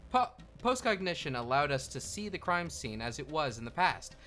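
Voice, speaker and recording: An earnest young male detective played by a woman reasons things out with determination. The voice is low for a woman, bright and animated, in game fan dub style. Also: normal speed, soft background music. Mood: earnest, determined.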